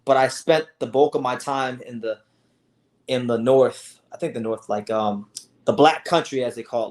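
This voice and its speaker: A young man from South Florida hosting a casual livestream, talking in an animated way with lots of restarts and swearing. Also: medium pitch. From South Florida, USA. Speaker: livestream host. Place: home, sitting on a beanbag chair.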